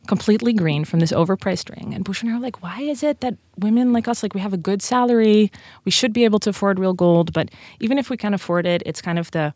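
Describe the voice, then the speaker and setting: A Dutch woman in her thirties, co-founder of a company, chats informally as a podcast guest, answering questions and telling stories. She talks fast in a mid-range, slightly mellow voice, with no room sound.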